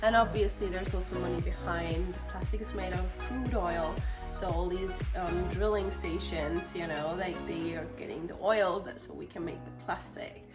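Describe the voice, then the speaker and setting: A German woman in her thirties with a German accent speaks casually as an interview guest and nonprofit founder, chatty and laughing often, now and then searching for words. Her voice is lowish, at normal speed, with music playing underneath.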